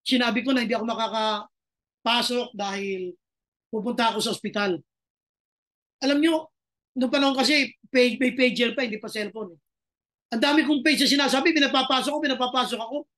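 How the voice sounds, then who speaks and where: A middle-aged man preaching in a notably high voice. He works through personal stories, acts out what people said to him, and drops into English for his main points. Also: brisk, pauses often, bright, forceful tone. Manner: storytelling, mixing in English lines, acting out quotes. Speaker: pastor. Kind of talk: sermon.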